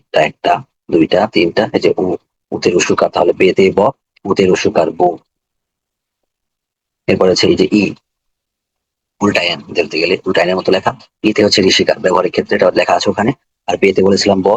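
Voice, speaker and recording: A man's voice: low-pitched, breathy edge, no room sound, low-quality recording. A man from Bangladesh teaching Russian, walking through a course book letter by letter and repeating each step. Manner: explains letter by letter, repetitive and step by step.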